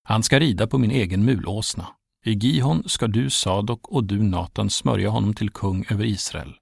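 A man's voice: fairly low pitch, gravelly, a little mellow, slightly rough, no room sound, studio quality. A man voicing aged King David giving solemn commands, in a storybook reading.

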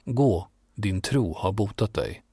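A man's voice: on the low side, expressive, dark tone, slightly rough, dry recording, clean studio sound. Jesus, a man reading a grave teacher. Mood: gentle.

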